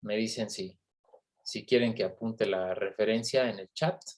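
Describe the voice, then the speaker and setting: A man's voice: on the low side, fairly even intonation, a little slow, a little mellow. A man giving an online university lecture on phonetics, explaining patiently and checking in with frequent tag questions.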